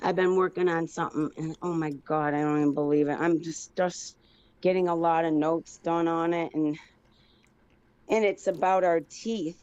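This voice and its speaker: A low, warm-toned woman on speakerphone, her voice dull and lo-fi through the line. She chats eagerly, stringing clause after clause as she explains things. The sound is close and dry. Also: fairly even intonation, normal speed, clean tone, no room sound. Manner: eager, rambling, talks in runs of clauses. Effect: speakerphone call. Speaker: phone-in guest. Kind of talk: casual chat.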